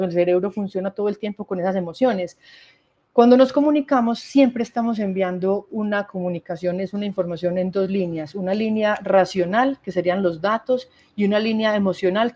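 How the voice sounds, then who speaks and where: A woman's voice: medium pitch, darkish tone, dull audio. A woman gives a workshop talk on communication, explaining step by step and asking rhetorical questions. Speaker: workshop speaker.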